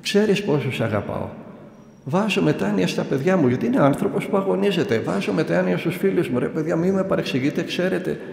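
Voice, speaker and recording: A man's voice: high-pitched, expressive, vocal fry, a little mellow, echoey room, in a large hall, voice pushed up, full character voice. A preacher voicing a remorseful hot-tempered man. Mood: pleading.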